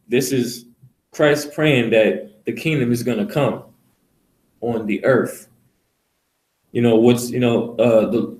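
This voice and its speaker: In an echoey room, a street preacher with a medium-pitched, somewhat dark voice teaches a small group in a casual way. He curses, speaks bluntly, drifts from point to point and leans heavily on fillers, especially "you know."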